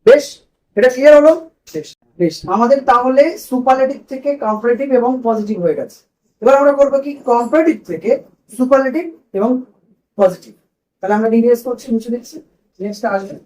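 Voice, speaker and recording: A man's voice: very high voice, lively intonation, brisk, warm tone, low-quality recording. Man teaching, quizzing his class. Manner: quizzing students with repeated questions. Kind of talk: classroom grammar lesson.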